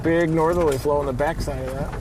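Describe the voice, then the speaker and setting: Storm chaser man over loud vehicle noise. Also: on the high side, steady tone, fast. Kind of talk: casual live spotting commentary.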